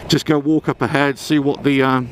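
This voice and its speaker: A motorbike vlogger rides a country trail, speaking through a helmet-mounted mic in a mid-range, level voice at a moderate pace. His commentary is casual and rambling, with engine and wind noise all around him.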